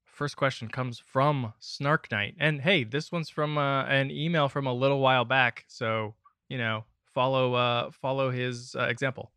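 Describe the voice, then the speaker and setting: A man's voice: mid-range voice, fairly even intonation, unhurried, pushed and bright, clean tone, no echo. A man, co-hosting a gaming podcast with casual, conversational talk. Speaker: podcast co-host.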